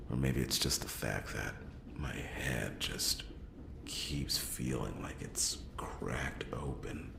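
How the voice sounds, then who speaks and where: A man playing a wry, brooding noir detective in a breathy, gravelly whispered role-play, muttering hesitantly as he thinks aloud to himself. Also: rumbling low, heavily acted. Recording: roomy echo, clear background noise.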